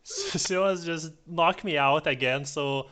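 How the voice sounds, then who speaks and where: A man's voice: fairly high pitch, measured pace. A man playing a tabletop game over voice chat, teasing. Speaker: player. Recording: clear background hiss.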